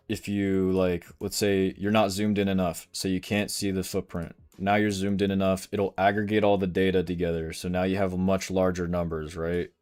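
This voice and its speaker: Low-voiced man explaining trading charts. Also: a little mellow. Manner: casual, explanatory, repeats points, reads chat questions. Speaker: day trader streaming live. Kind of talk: live trading stream, explaining charts and answering chat.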